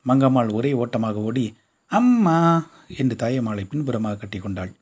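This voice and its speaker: Husky, dark-voiced man reading a story. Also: lowish voice, a little fast. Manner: steady storytelling. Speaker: narrator.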